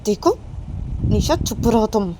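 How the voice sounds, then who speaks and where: A woman voicing a sharp, bossy young woman who scolds her partner and keeps ordering her to stay quiet. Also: mid-range voice, lively intonation, slow pace, background noise, voice pushed up. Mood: scolding.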